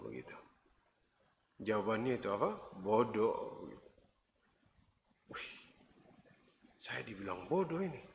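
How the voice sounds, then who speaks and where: A man's voice: medium pitch, fairly bright tone, a little hiss or hum. A man giving a dawn sermon in a mosque. He tells funny everyday stories and keeps putting questions to the congregation. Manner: storytelling with jokes, asks the congregation questions. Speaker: preacher. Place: mosque hall. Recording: echoey long-reverb hall, dull lo-fi sound.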